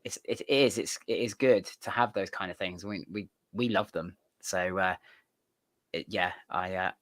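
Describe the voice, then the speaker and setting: A man with a very low voice hosts a relaxed studio interview. He talks in long, earnest, winding sentences. The sound is close and dry, with no room echo. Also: measured pace. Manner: rambling, earnest. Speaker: podcast host. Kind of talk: casual interview chat.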